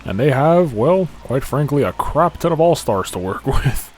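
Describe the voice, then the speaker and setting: Excitable young man calling game highlights. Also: normal speed. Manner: excitable, shouts on big hits, mutters asides. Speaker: gaming YouTuber. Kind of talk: play-by-play game commentary.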